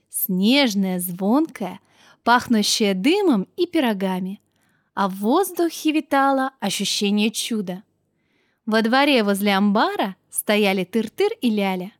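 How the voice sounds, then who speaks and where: A woman narrating a children's story in a warm, gentle storytelling voice with expressive lifts. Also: medium pitch, no echo, studio quality.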